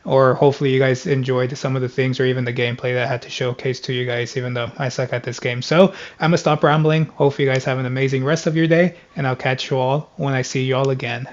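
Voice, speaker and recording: A man's voice: mid-range voice, steady tone, fast talker, few pauses, dull audio. A man hosting a gaming channel, giving a casual, rambling spoken review into a headset and filling his talk with "like". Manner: rambling, fills speech with "like".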